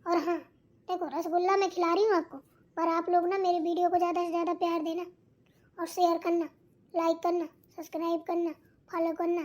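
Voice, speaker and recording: A woman's voice: very high-pitched, level tone, a little fast, darkish tone. A woman voicing a chatty young daughter-in-law in a cartoon who talks straight to viewers. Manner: chatty, addresses viewers directly. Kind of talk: cartoon voice acting.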